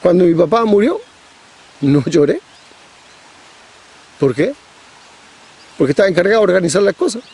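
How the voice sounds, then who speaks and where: Middle-aged preacher guy, mellow husky voice, repeats himself for emphasis. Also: sits high, big pitch swings, normal speed, long pauses. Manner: emphatic repetition, rhetorical questions. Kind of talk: sermon.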